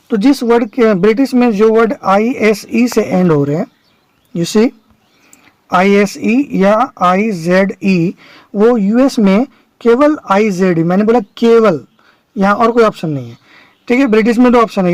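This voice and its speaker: A man's voice: high voice, a little mellow, no room sound, poor audio. Man teaching a spelling lesson, step by step. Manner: explains step by step, repeats examples, checks understanding. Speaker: English teacher. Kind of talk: exam-prep vocabulary lesson.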